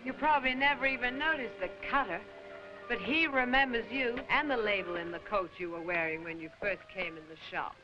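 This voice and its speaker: A woman's voice: medium pitch, fairly quick, lightly acted. A woman playing a teasing, chatty young adventuress in an old film drama. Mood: chatty, playful. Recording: dull old film soundtrack with loud music.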